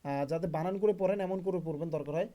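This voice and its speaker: A man's voice: high-pitched, quick pace, mellow. A man teaching Quran reading in an online group lesson, patient and encouraging, often checking whether students follow.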